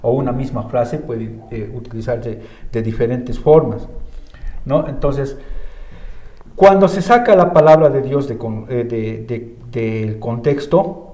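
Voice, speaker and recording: A man's voice: medium pitch, mellow. A man with a Bolivian Spanish accent, teaching about the Bible in a conversational way, with many filler tags and restarts. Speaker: church teacher. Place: church room. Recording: roomy echo.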